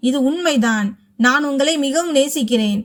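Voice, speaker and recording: A woman voicing a scheming, greedy young husband in a spoken story, dropping her voice low and brusque. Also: moderate pace, lightly acted. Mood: curt.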